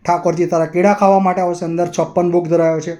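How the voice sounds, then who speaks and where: Angry, scornful temple worshippers scold with contempt, as a male storyteller voices them. The voice is raised and pushed a little louder. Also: sits high, flat delivery, fast talker, lightly acted.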